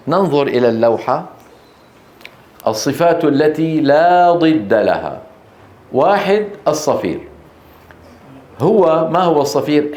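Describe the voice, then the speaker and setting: A man's voice: medium pitch, a little mellow. Man teaching Quran recitation. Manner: drawn-out letter demonstrations, quizzing students. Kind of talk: tajweed lesson with call-and-response drills. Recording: echoey room, faint background noise.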